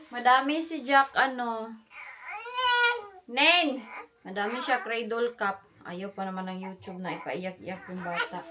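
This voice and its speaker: A woman's voice: on the high side, very noisy. A young woman, a mother filming a casual family vlog and cooing and baby-talking to her infant. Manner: coos and baby-talks to an infant.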